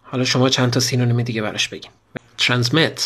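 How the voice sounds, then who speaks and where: A man teaching English vocabulary, explaining in short steps and slowing down to read example sentences. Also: medium pitch, steady tone, fairly bright tone, a little hiss or hum. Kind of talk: vocabulary lesson.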